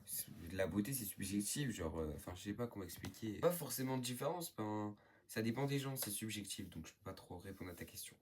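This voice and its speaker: A teenage boy from northern France, a YouTuber, answers viewer questions in a casual vlog, rambling chattily with plenty of fillers. His voice is on the low side with lively intonation and a brisk pace, and there's a little hiss or hum in the audio.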